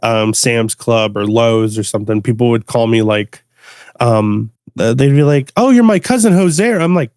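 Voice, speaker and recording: Young man, relaxed podcast guest, loose and chuckling, dry close sound. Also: mid-range voice, moderate pace, no room sound. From United States. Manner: laid-back, laughs often, repeats words. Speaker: guest bass music producer. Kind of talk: casual podcast conversation.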